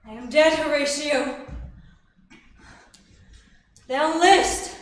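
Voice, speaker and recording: High-voiced anguished stage prince played by a woman. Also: slow. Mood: urgent, dying. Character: wounded young prince Hamlet, anguished and vengeful. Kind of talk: classical Shakespearean stage acting. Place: theatre stage, far microphone. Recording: very echoey distant stage recording, hissy.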